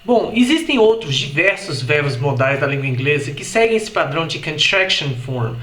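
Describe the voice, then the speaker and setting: Bright-voiced man teaching English. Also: on the high side, sing-song, roomy sound. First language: Portuguese. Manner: explains in Portuguese, says English examples slowly and repeats them. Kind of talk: language lesson, slow example sentences.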